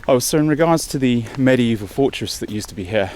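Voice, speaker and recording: A man's voice: medium pitch, animated, a little fast, a little mellow. An English man talking while walking uphill outdoors for a travel vlog, chatty and thinking aloud, a bit out of breath. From England. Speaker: travel vlogger. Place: outdoors on a city hill walk. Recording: faint outdoor street noise.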